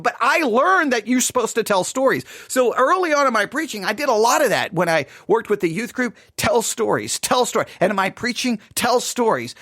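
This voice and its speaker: Middle aged guy w/ west texas twang preaching teaching, real animated pitch swings, dry close sound. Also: no room sound. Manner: emphatic repetition and rhetorical questions. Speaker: pastor speaking at a conference. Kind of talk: seated teaching talk on preaching.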